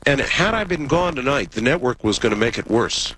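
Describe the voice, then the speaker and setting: A man's voice: medium pitch, animated, fairly quick, pushed and bright, a little hiss or hum, low-quality recording. An American man hosting a casual radio call-in show, wry and dry-humoured, sick with a cold.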